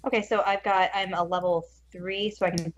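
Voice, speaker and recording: A woman's voice: fairly low pitch, fairly even intonation, a little fast, lo-fi sound. A woman playing a tabletop game over an online call, her audio choppy and stuttering. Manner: casual, works things out aloud. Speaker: player.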